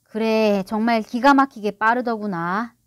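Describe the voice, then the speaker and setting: A woman's voice: a little high, animated, normal speed, no room sound, clean studio sound, lightly acted. A woman voicing a proud, sulky middle-aged father who blusters and gets defensive. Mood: indignant.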